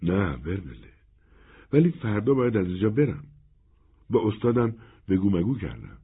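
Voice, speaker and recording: A man voicing a gentle, melancholy wandering man in a soft, husky, resigned tone. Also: fairly low pitch, very animated, full character voice. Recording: narrow phone-like band.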